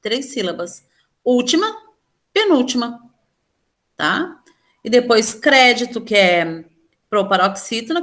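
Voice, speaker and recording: A woman teacher with a Brazilian Portuguese accent and a fairly bright, mid-range voice teaches an online class. She patiently walks through a grammar lesson step by step and asks her students questions.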